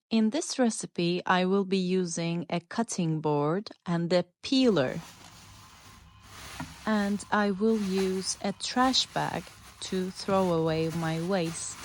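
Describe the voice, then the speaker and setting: Slow-speaking woman. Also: medium pitch, slight background noise. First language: Turkish. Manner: plain, simple sentences describing each step. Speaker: English teacher narrating a cooking video. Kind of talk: slow narration for language learners.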